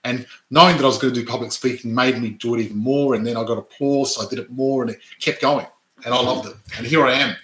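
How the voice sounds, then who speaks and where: A chatty man with a bright, mid-range voice speaks at a quick pace in a steady tone, recorded in an echoey room. He grew up in Adelaide, Australia, though English isn't his first language, since his parents were immigrants. A podcast co-host and real estate investor, he makes casual chat, restarts often, and ends statements with "right?"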